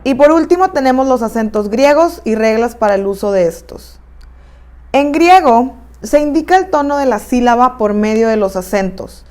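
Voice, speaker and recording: A woman with a Mexican accent narrates a recorded online class in a slightly high voice. She explains each term step by step and draws out the important words. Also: animated, normal speed, a little mellow. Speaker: teacher.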